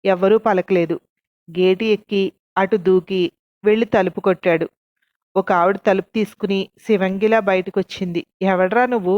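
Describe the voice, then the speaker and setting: A woman's voice: mid-range voice, steady tone, normal speed, dry recording. A woman narrating a story and reading the characters' lines herself with light voicing. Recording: dull, dry lo-fi sound.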